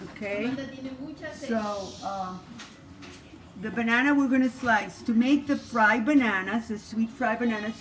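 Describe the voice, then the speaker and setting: An older Cuban grandmother, a native Spanish speaker with a Cuban Spanish accent, teaches a homey cooking lesson in her home kitchen while telling her life story, restarting often. Her voice is a little high, with steady background noise.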